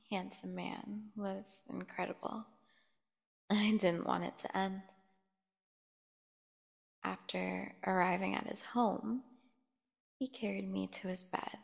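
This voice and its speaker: A woman with a gravelly, medium-pitched voice plays a captive vampire in an ASMR audio drama. Seductive and threatening, she taunts through her story with teasing pauses, occasionally dropping almost to a whisper, all bathed in long hall-style reverb.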